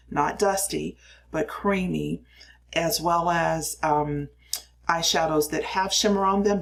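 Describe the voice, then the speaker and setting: In a low voice, an older makeup reviewer chats through her routine from a small, cramped space. She explains things as she goes and makes lighthearted jokes at her own expense.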